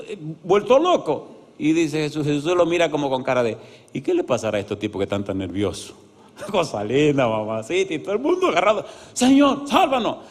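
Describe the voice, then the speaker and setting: A man preaching an animated sermon as pastor, often asking the congregation yes-or-no questions and acting out voices in his stories. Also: on the high side. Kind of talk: lively evangelical sermon with acted-out stories. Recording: reverberant church hall.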